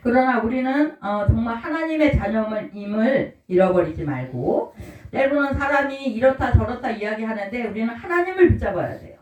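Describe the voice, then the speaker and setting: A fairly high-voiced woman preaching a sermon to her congregation. Her talk is homely, and she keeps asking the people questions to answer back. The sound is roomy and echoey, picked up from well away from the mic. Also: animated, normal speed, few pauses, a little mellow. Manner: homely, quizzes the congregation, call-and-response. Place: church service room. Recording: roomy echo, mic from far off.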